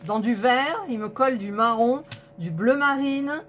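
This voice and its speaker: A woman's voice: fairly high pitch, measured pace, a bit bright. A woman vlogger unboxing a diamond painting kit, indignant and disappointed, counting colour numbers aloud to her viewers. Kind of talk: unboxing vlog, talking to viewers.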